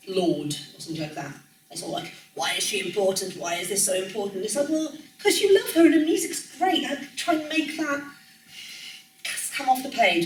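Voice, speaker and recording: A chatty Welsh woman in her forties, a music journalist appearing as a guest speaker, talks casually with a fairly low voice. She laughs easily and uses frequent ums and self-corrections. The recording has an echoey room, a distant mic and faint noise.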